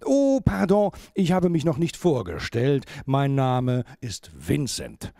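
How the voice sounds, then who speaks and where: A soft-spoken, courteous snow owl from a storybook, voiced by a man. The voice lifts and falls in a lively, sing-song way and stays polite and coaxing. It sounds dry and close, with no room around it. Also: mid-range voice, slow pace, creaky, no echo, full character voice. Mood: gentle, coaxing. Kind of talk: storybook reading.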